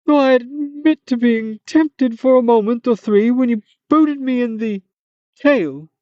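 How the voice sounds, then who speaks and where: A reader voicing the Manticora, a fierce monster turned solemn and philosophical, in a high, loud, theatrical voice, on a dull, muffled recording. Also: measured pace, dry recording, lightly acted. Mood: solemn, grand.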